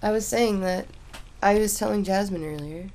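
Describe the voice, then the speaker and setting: A young woman rambling in a relaxed, stoned drawl, full of fillers and restarts, talking casually to her camera at home. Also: mid-range voice, a little hiss or hum. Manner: meandering, halting, with frequent fillers and restarts. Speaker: vlogger.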